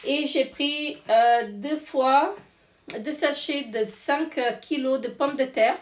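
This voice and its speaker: A hoarse woman in her forties with a slightly high voice talks through her grocery haul, rambling and correcting herself as she goes. Her voice rings in an echoey room at home, over a faint hiss. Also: slow pace. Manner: chatty, rambling, many fillers and self-corrections. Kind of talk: casual haul vlog.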